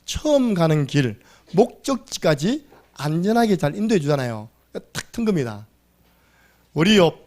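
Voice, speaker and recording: A man's voice: on the high side, a little mellow. A male pastor giving a Sunday sermon, emphatic and exclamatory, firing rhetorical questions at the congregation. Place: church sanctuary.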